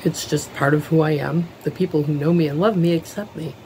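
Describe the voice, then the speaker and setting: A middle-aged woman talks casually to a webcam in her living room. She sounds earnest and a little nervous, filling pauses with "um", while a faint air conditioner hums behind her. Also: low-pitched, steady tone, a little mellow, slight background noise, poor audio. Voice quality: lisp. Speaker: vlogger. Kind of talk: casual talk to camera. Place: living room at home, indoors. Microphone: webcam at desk, close framing.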